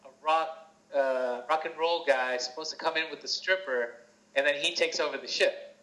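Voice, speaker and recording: A man's voice: on the high side, normal speed, sharp tone. A man co-hosting a casual podcast, sharing movie knowledge in an informative way. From grew up in several countries, born in Venezuela. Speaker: podcast co-host. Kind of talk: casual chat. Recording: roomy echo.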